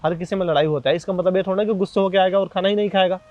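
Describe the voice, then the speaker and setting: A man's voice: high-pitched, fairly even intonation, very fast, dull audio, slight background noise, natural voice. A man playing a bossy but kind supervisor who scolds a worker into eating. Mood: scolding. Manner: scolding, persuasive. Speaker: actor in a comedy skit.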